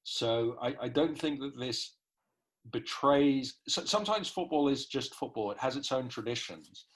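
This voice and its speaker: A middle-aged football writer who grew up in the Netherlands explains things articulately and analytically as an interview guest. His mid-range voice is animated, slightly rough, and a little slow.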